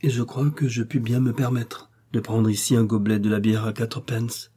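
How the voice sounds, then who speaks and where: A man's voice: medium pitch, level tone, moderate pace, dark tone, husky, close to an everyday voice. A man voicing a timid, easily frightened innkeeper who pleads in a fluster. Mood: musing.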